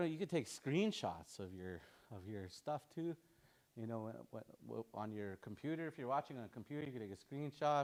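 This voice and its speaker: A man with a medium-pitched voice teaches an online language class, drilling words again and again. His manner is relaxed and informal, and he chuckles often.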